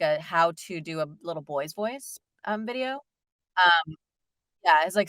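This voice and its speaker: Chatty woman, low voice, dry sound. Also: fairly bright tone, no echo. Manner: chatty, rambling, lots of fillers and laughs. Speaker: voice actor guest. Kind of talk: casual interview chat.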